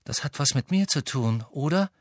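An earnest teenage boy asks short, urgent questions, as a man reads him aloud. The voice is husky and sounds close and dry. It keeps an everyday storybook tone. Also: a little high, animated, moderate pace, no echo.

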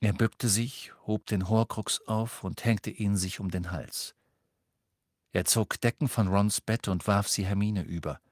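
A man narrating a story aloud in a dramatic, expressive reading. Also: lowish voice, unhurried, dry recording, clean studio sound. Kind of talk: audiobook reading.

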